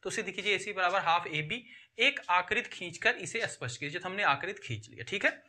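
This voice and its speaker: Bright-voiced man teaching a maths lesson. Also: sits high, lively intonation, fairly quick. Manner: addresses students as children, repeats and checks with "theek hai". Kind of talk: classroom-style maths lesson.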